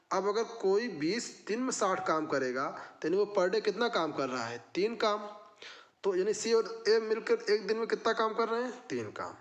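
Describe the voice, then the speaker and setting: A man's voice: sits high, fairly bright tone. A man. He walks through each problem one step at a time, asking the class questions and then answering them himself. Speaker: math teacher. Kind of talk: exam-prep math lesson.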